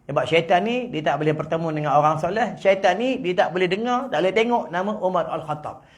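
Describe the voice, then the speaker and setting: A man with a Malaysian Malay accent giving a humorous religious lecture in a prayer hall, teasing his audience and swinging between loud and soft. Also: high-pitched, fast. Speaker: preacher.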